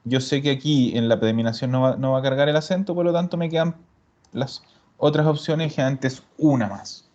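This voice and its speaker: This man teaches Italian grammar in a fairly high voice with a darkish tone, walking through each step and patiently echoing his students' responses. It's captured on a dull lo-fi recording.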